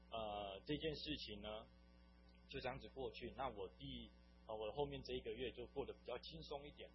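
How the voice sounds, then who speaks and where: Earnest young man. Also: medium pitch. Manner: earnest, meandering storytelling. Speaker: testimony speaker. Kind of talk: personal faith testimony. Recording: dull lo-fi recording with faint hum.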